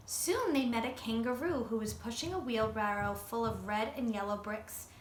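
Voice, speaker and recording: A woman with a fairly high voice reads a picture book aloud to children at a moderate pace, expressive like a teacher and asking her listeners questions. The recording has a roomy echo and faint background noise.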